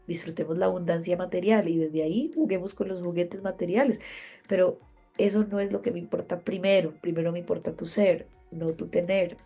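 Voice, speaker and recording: A woman's voice: on the low side, creaky, warm tone, slightly rough. A woman with a nasal, blocked-nose voice gives a spiritual motivational monologue as a podcast host, speaking in emphatic, repeated phrases.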